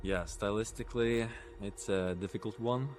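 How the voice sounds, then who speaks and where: A man from Lithuania, giving a measured, confident pre-match interview as an arm wrestler, with frequent ums. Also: lowish voice, loud music behind the voice.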